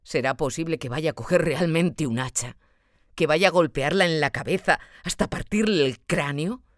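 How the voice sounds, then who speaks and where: A woman voicing a tormented, feverish young male student who talks in an anguished, hushed, half-whispered mutter in an audiobook. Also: sits low, normal speed, no room sound, clean studio sound, natural voice. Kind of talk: audiobook character voice.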